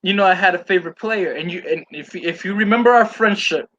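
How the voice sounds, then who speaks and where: Bright, joking man chatting on a stream. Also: high-pitched, fast, highs cut off. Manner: loose and joking, reading out chat comments. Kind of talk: casual live-stream chat.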